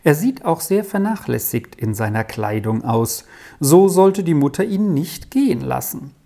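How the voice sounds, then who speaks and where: A reader voicing a chatty, kindly middle-aged gentlewoman who talks in a lively way. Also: mid-range voice, measured pace, creaky.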